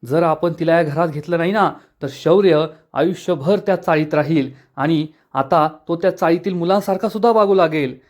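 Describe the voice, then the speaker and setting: A man's voice: on the high side, normal speed, hardly any pauses, a little mellow, lightly acted. A man voicing a stern, scheming middle-aged father who gives firm, commanding lines in a serial recap. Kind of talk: dramatic reading of a TV serial recap.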